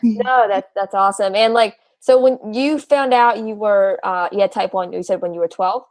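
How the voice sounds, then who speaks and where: A woman's voice: medium pitch, moderate pace, darkish tone, no echo. A woman hosting a podcast interview, chatty and casual, with frequent fillers and repeated words. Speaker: podcast host.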